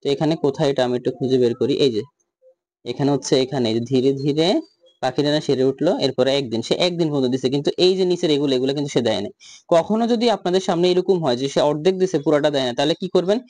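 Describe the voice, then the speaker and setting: A man talking through a software tutorial step by step, asking himself questions and answering them. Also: fairly high pitch, very fast, no room sound. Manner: repetitive step-by-step instructions, rhetorical questions. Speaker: tutorial host. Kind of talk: screen-recorded software tutorial.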